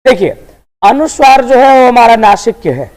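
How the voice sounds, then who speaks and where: In this online Hindi grammar lesson, the teacher's very high voice is highly animated and a little mellow, at a moderate pace. He keeps adding tag questions to nearly every sentence while encouraging his students, addressing them as friends and dear.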